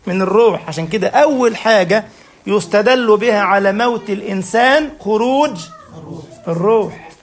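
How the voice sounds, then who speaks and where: A man preaches in an Egyptian Arabic accent, his voice sitting high for a man. He keeps throwing questions at the listeners and answering them himself. He walks through each point with homely, everyday examples. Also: moderate pace. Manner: explains step by step with everyday examples. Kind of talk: religious lecture.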